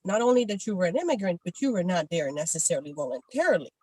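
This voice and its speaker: A woman's voice: lowish voice, lively intonation, fast talker, warm tone, no echo, rough recording. A middle-aged woman co-hosting a podcast, talking candidly and casually, peppered with "like". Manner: candid, chatty, with frequent "like". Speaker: podcast co-host. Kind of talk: casual conversation.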